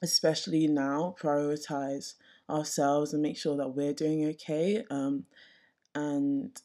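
A young woman co-hosting a casual chat podcast, husky with her morning voice, relaxed and thoughtful. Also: sits low, slow. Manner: relaxed, thoughtful, uses many fillers. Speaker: podcast co-host.

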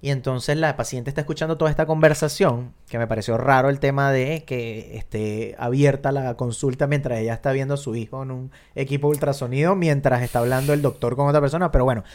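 A man in casual film talk, animated and acting out lines from scenes. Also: mid-range voice, fast, hardly any pauses. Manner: animated, acts out movie lines.

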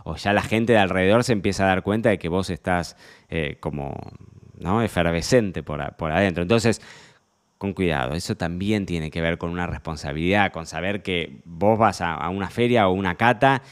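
Argentine male sommelier host, fairly low voice, loud and chatty, playful asides. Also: normal speed. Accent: Argentine Spanish. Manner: chatty, joking, lots of fillers and restarts. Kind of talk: casual monologue podcast.

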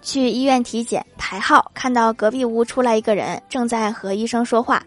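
Over faint background music, a podcast host reads jokes with a fairly high pitch at normal speed. She's lively, voices the characters' lines in her comic stories, and laughs a little after each punchline.

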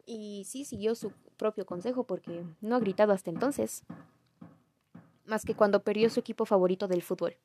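A woman's voice: medium pitch, moderate pace, pauses often, mellow, a little hiss or hum. A young woman with a Mexican accent, casually telling a family story to viewers, chatty and self-mocking. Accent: Mexican Spanish. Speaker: vlogger.

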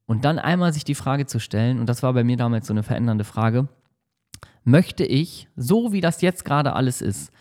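Animated man giving casual motivation. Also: medium pitch, normal speed. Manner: animated, slangy, acts out whiny coworkers.

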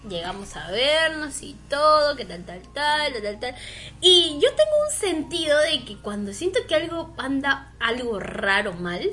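A woman, co-hosting a casual chat with teasing remarks, loud laughter and dramatic interjections. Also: sits high, big pitch swings, a little slow, soft background music.

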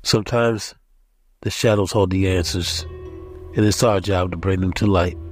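A man's voice: low voice, fairly even intonation, normal speed, darkish tone, close to an everyday voice. A man voicing a hard-nosed detective who asks clipped, pressing questions, with music underneath. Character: hard-nosed male detective, probing and dry. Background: music bed.

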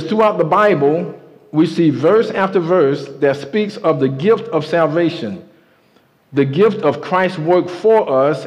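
A man's voice: fairly high pitch, a little mellow. A man preaching a sermon to his congregation, emphatic, with call-and-response. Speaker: pastor. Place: church sanctuary. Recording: muffled sound with a long hall reverb.

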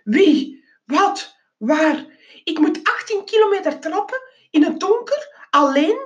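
A woman voicing a flustered, fussy male mouse who gets easily exasperated, with indignant, rising high exclamations. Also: animated, takes it slowly, highs cut off, heavily acted.

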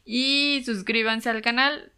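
A woman's voice: fairly high pitch, steady tone, takes it slowly, bright, forceful tone, clean tone. A young Mexican woman co-hosting a casual true-crime podcast, chatty and slangy, laughing often. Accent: Mexican Spanish. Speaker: podcast co-host.

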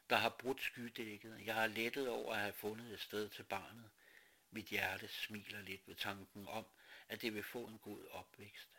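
A man reading a first-person story aloud slowly and dramatically, dropping to whispers and rising to outbursts. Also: fairly low pitch, pushed and bright, husky.

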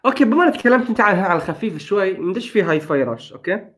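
A man's voice: high-pitched, expressive, very fast, a bit bright. A young man in casual gaming chat, upbeat and enthusiastic, slipping English phrases into his talk. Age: young adult.

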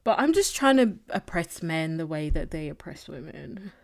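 A woman hosts a solo podcast, chatting candidly and casually in a rambling, opinionated way, with a low, gravelly voice that swings a lot in pitch at normal speed. She's indoors in a room other than her usual setup, so the makeshift space sounds slightly echoey.

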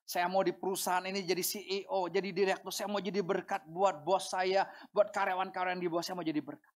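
A woman pastor preaching a sermon, animated and rising to shouts for emphasis. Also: lowish voice, quick pace.

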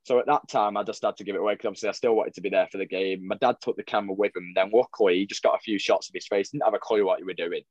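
Quick-talking young man. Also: fairly low pitch, steady tone, darkish tone, no echo, muffled recording. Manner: rambling storyteller with many restarts and fillers. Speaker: football fan vlogger, guest. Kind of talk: casual podcast chat.

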